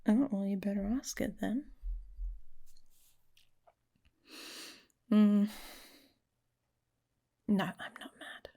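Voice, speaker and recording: Playing a young female werewolf who is guarded and teasing, a woman performs an intimate ASMR roleplay in a breathy, husky, often whispered voice with a wry, casual manner. Her medium-pitched voice is mellow and slow, and the mood feels guarded and soft.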